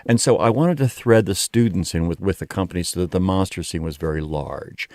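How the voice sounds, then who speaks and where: Very deep-voiced man in a dry studio. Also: darkish tone, dry recording. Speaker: ballet artistic director and choreographer, interview guest. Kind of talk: reflective interview talk.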